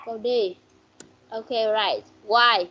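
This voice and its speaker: Woman teacher, online class, patient and coaxing, slow delivery, dull call audio. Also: a little high, steady tone. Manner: patient, coaxing, repeats words slowly for pupils. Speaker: English teacher. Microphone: video call.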